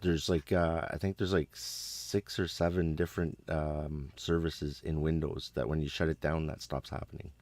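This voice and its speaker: A man with an extremely deep, low voice talks in loose, profane conversation. He rambles bluntly from point to point. The sound is dry and close, with no room around it. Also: level tone, normal speed, hardly any pauses, a little mellow, no room sound. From Canada. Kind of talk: casual chat.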